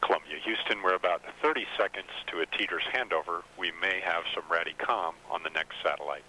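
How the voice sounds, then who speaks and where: A man's voice: deep voice, quick pace, bright, forceful tone. A man calling in clipped radio procedure as a mission control communicator, heard over a distant, crackly space-to-ground radio link.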